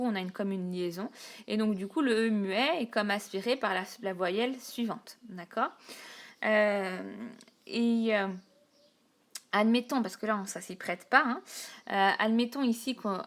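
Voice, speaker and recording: A woman teacher talking through a recorded whiteboard lesson, pausing often with fillers and counting syllables out slowly. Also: mid-range voice. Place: home desk, recorded on a tablet.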